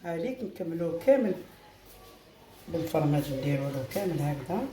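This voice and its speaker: A woman's voice: deep voice, lively intonation, fast talker. A woman with an Algerian Arabic accent hosts a home cooking video. She walks viewers through each step in a chatty, repetitive way and keeps calling them "girls". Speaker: home cooking channel host. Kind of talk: casual step-by-step cooking demonstration. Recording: roomy echo with faint background noise.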